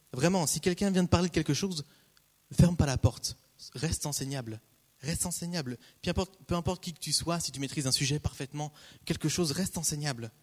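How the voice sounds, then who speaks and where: Chatty preacher man, slightly high voice. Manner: chatty, repeats key phrases, lively asides. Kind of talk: casual conversational sermon. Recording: long hall reverb.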